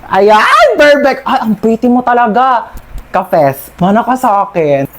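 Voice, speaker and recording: A woman performing a comedic skit in a loud, flamboyant, campy manner with sudden shrieks. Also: on the high side, big pitch swings, unhurried.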